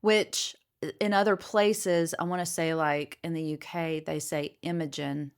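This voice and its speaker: A woman's voice: fairly low pitch, measured pace, clear, resonant tone. A middle-aged woman co-hosting a podcast, chatting casually and gushing over old-fashioned names. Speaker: podcast co-host. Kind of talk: casual chat.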